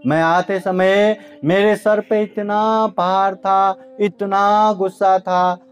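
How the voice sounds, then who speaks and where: A man's voice: sits high, clear, resonant tone. A man voicing an indignant male brahmin who complains and demands answers in a raised voice. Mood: wondering. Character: angry indignant male brahmin, middle-aged.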